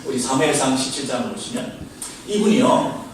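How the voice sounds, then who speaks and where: Male pastor preaching from a ways off the mic, big booming church echo, bit of hiss. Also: expressive, brisk. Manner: storytelling with rhetorical questions to the congregation. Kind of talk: sermon. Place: church sanctuary. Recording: very echoey church from a distance, faint hiss.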